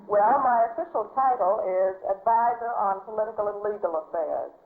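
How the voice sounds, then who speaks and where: A woman's voice: mid-range voice, moderate pace, slight background noise. A young woman answering politely and formally in a 1950s interview as a government adviser. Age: young adult. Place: echoey office. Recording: echoey, phone-like vintage audio.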